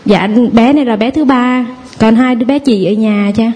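A woman's voice: on the high side, moderate pace, a little mellow. A woman in her thirties, a mother from the audience, nervously sharing a personal testimony and quoting her family in a chatty way. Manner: chatty storytelling, acts out family quotes. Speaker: audience member giving testimony.

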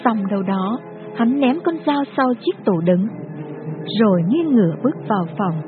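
A woman's voice: on the high side, sing-song, normal speed. Grave woman storyteller, tinny audio. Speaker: narrator. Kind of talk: dramatic storybook narration. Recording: tinny phone-like audio with music behind.

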